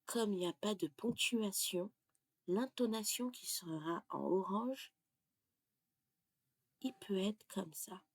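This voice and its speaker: Woman, pronunciation teacher, very slow deliberate delivery, husky gravelly tone, half-whispered asides, dry sound. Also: mid-range voice, no room sound. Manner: slow and deliberate, often drops to a half-whisper while writing. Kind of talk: slow explanatory lesson while writing on a board.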